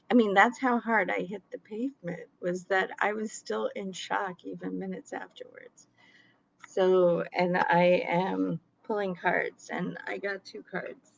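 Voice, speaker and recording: A woman's voice: medium pitch, creaky, dull audio, slight background noise. A woman telling a story casually to her viewers, chatty and full of fillers and laughs. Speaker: sound healer and card reader.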